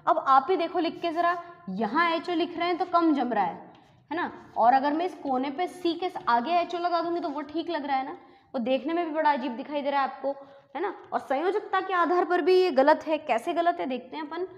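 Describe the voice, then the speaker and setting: A woman teaching chemistry step by step, asking questions and then answering them herself, often adding a quick 'है ना'. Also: high voice. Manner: explains step by step, asks and answers her own questions. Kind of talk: classroom lesson. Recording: dull, lo-fi recording with long reverb.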